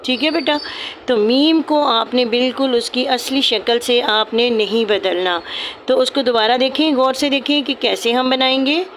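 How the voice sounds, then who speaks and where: A woman's voice: a little high, steady tone, normal speed, a bit bright, slight background noise. Patient woman teaching calligraphy. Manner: patient, repeats points, calls students "beta". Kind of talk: step-by-step lesson narration.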